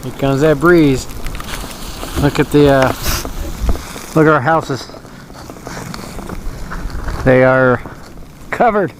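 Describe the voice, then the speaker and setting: A man's voice: medium pitch, takes it slowly, pauses often, slight background noise, poor audio. A man casually narrating his winter camping trip, rambling and chuckling with filler words, recorded outdoors at a snowy campsite by a fire on an action camera. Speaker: outdoor vlogger.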